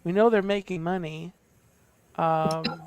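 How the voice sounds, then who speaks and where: Slow, gravelly man on a livestream. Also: a little high, fairly even intonation, no room sound. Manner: hesitant, lots of fillers. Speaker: panelist on a livestream. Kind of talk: casual livestream chat.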